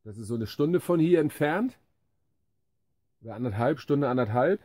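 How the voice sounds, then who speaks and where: A man's voice: medium pitch, expressive, moderate pace, mellow, dry recording. A man in his fifties filming himself at arm's length outdoors, chatting casually as a travel vlogger and often correcting himself. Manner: chatty, rambling, self-correcting. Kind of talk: casual vlog commentary. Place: outdoors by a lake and in a wooden hut. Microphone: camera held at arm's length.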